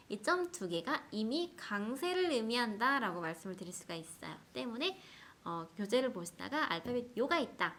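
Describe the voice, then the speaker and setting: A woman with a Russian accent teaching a language lesson, explaining patiently and slowing down to sound out example words. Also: a little high, a bit bright. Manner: clear, patient explaining with slow drawn-out examples. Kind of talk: scripted lesson.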